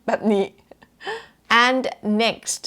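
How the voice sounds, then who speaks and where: A woman giving a casual pronunciation lesson, slowly demonstrating words over and over and mixing with English. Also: fairly bright tone. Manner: demonstrates words slowly and repeatedly, switching between Thai and English. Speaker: English teacher.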